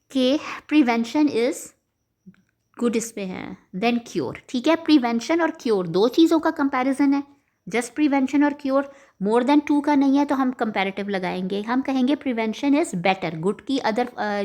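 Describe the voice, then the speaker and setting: A woman's voice: fairly high pitch, a little mellow. A woman teaching an exam-prep grammar lesson, explaining step by step, checking in often and correcting her own slips. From Pakistan.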